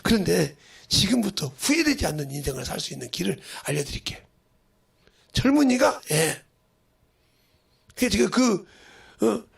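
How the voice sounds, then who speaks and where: Gravelly, husky Korean pastor preaching. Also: male voice, sits high. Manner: acts out dialogue in storytelling, swinging between soft and loud. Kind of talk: sermon. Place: church sanctuary.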